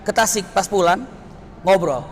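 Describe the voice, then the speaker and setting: A man's voice: sits high, unhurried, in a large hall, slight background noise. A man from West Java, preaching in a dramatic storytelling style and asking the audience questions. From West Java, Indonesia. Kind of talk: storytelling sermon.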